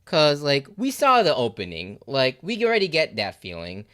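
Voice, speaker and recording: A man giving casual, animated reaction commentary on a TV episode, swearing freely and saying "like" and "you know" a lot. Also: medium pitch, moderate pace. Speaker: reaction video host.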